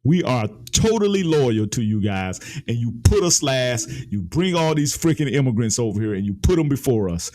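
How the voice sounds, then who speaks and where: With a medium-pitched, slightly mellow voice, a man from the United States argues his political opinions emphatically. He repeats phrases for effect as he goes.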